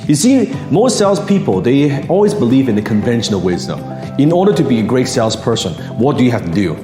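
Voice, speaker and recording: Animated man over music in a roomy space. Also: medium pitch, quick pace. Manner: animated, acts out quoted voices. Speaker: sales speaker. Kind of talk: motivational talk to camera. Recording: echoey room with music behind.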